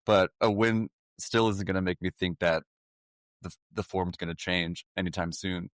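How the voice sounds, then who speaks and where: A man co-hosting a casual podcast, with a wry, deadpan sense of humor. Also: sits low, normal speed, dry recording, studio quality. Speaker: podcast co-host.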